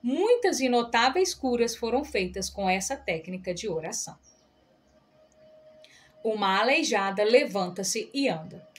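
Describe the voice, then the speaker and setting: A woman reading an audiobook aloud in a calm, measured narration. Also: on the high side.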